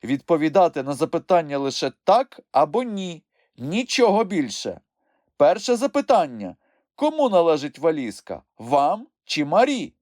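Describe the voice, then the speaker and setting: A self-important little male creature as a woman reads him aloud presiding over a mock trial in a storybook, his voice lifted and loud. He talks in stern, clipped orders, and the recording is dry and close. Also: sits low, big pitch swings, moderate pace, dry recording, voice pushed up. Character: pompous young male creature acting as judge.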